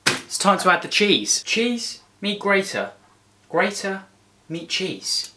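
A young man with a high voice narrates a home cooking vlog slowly but with plenty of animation, keeping things playful and cheeky. He's in a small home kitchen, with the camera a short distance away; its built-in mic picks up clear background noise.

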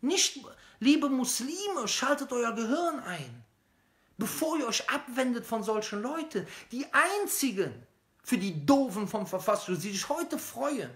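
A man's voice: sits high, a bit bright. A middle-aged male preacher speaks straight into a phone camera held close in a small indoor room. He is sarcastic and indignant, piling up rhetorical questions and scoffing at his critics. Every word carries a roomy echo off the walls. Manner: indignant, mocking, fires rhetorical questions, drops to sneering murmurs. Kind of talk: sarcastic video statement. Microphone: phone camera at close range.

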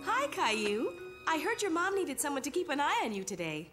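A woman's voice: high voice, huge pitch swings, a little fast, over music. An actress playing a friendly, helpful neighbour lady in a children's cartoon, with a chirpy manner.

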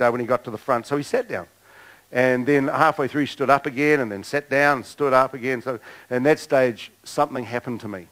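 A middle-aged man preaching a sermon to a church congregation. He tells stories in an animated way, acts out the voices of people in them, and pokes fun at himself. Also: medium pitch, rough recording. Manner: animated storytelling, acting out quoted voices, self-mocking humor. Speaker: pastor. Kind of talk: storytelling sermon. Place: church service before a congregation.

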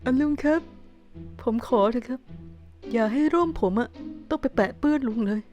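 A woman's voice: high-pitched, normal speed, darkish tone, lo-fi sound, soft background music, lightly acted. A woman voicing a polite young male survivor who pleads. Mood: pleading.

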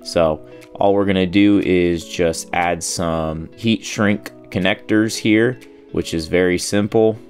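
Deep-voiced man narrating a how-to. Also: slow pace. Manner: steady, step-by-step explaining. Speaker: boat installation narrator. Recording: faint music underneath.

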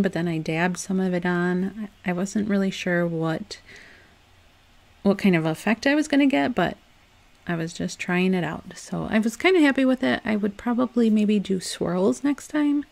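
A woman's voice: lowish voice, vocal fry. A young woman chatting through a home craft tutorial in a casual, upbeat voice-over. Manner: chatty and upbeat, with soft laughs and loose restarts. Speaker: DIY home decor vlogger.

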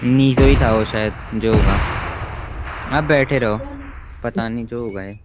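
A man's voice: medium pitch, unhurried, very noisy. A man leading his squad in a shooter game, giving urgent, repeated commands to teammates. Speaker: squad leader streaming a battle royale game. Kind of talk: live gameplay callouts. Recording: loud gunfire under game audio.

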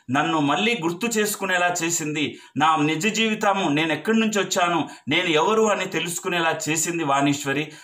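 A man's voice: on the high side, pushed and bright. A man playing a grateful rescued husband.

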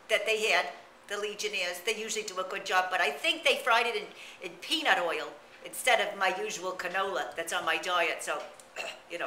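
A man playing a gossipy old woman in a retirement home, chatty and rambling, with a drawn-out, wobbly voice. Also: high voice, pushed and bright, slight background noise. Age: older. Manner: chatty, rambling, full of "you know" and cackling asides. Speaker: comic character monologue. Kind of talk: character comedy monologue to camera. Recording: roomy echo.

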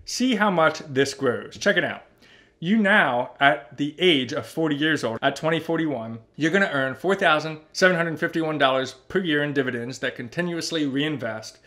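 A personal finance YouTuber in his thirties speaks directly to viewers from his home office, explaining a spreadsheet in an animated, emphatic way. His voice is fairly high.

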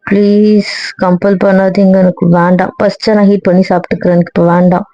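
A woman's voice: mid-range voice, level tone, a little fast, no room sound, highs cut off. A woman acting in an audio drama, sounding weary and sulky.

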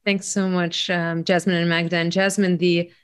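A woman's voice: lowish voice, level tone, normal speed, clear, resonant tone. Panelist, woman; loose, conversational delivery full of "you know"s. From Greece. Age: 40s. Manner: conversational, many "you know" fillers and restarts. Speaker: panelist, center executive director. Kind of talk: panel discussion.

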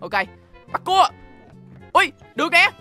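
A young man with a Southern Vietnamese accent giving chatty, excitable let's-play commentary, teasing the game's characters and talking straight to his viewers. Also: very high voice, slow, faint music behind. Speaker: gaming YouTuber.

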